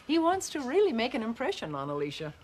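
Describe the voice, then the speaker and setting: Gentle vampire mom, soothing, lively melody, laugh track behind. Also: female voice, on the high side, quick pace, heavy background noise. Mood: motherly. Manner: soothing, motherly. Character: gentle vampire mother, sweet and level-headed. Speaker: sitcom character. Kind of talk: sitcom acting. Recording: sitcom audio with laugh track. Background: studio audience laughter.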